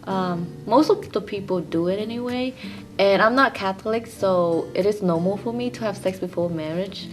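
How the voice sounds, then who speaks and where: A woman's voice: medium pitch, normal speed. Young woman. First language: Vietnamese. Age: young adult. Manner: simple, plain phrasing in a second language. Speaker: interviewee. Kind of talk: casual interview answers.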